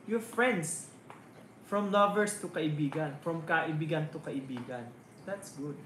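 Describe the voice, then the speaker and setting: A man's voice: on the high side, slow pace, background noise. A man hosting a casual livestream, reading viewers' comments aloud and answering them with playful, teasing banter. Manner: playful, teasing banter mixing Tagalog and English. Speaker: livestream host. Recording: roomy sound with loud ukulele music. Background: loud ukulele music.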